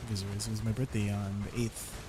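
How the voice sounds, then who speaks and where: A man's voice: lowish voice, flat delivery, a little fast, noisy background. A man live streaming, chatting casually with viewers, telling stories and reading their comments aloud.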